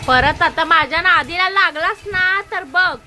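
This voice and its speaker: A woman's voice: very high voice, measured pace, pushed and bright, a little hiss or hum. A woman with a Marathi accent playing an aunt in a family comedy sketch, scolding and arguing sharply.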